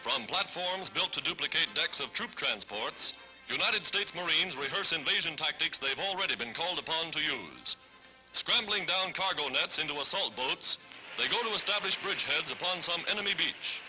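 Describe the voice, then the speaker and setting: A man's voice: a little high, lively intonation, normal speed, pushed and bright, faint music behind, poor audio. Dramatic 1940s newsreel narrator, a man. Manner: dramatic, declamatory announcing.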